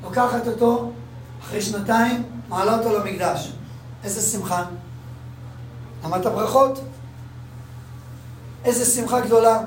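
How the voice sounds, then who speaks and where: High-voiced man teaching in an echoey hall. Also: pauses often. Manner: repeats phrases, quizzes listeners, acts out quotes. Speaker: religious teacher. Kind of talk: Talmud class. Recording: echoey room from far off, faint noise.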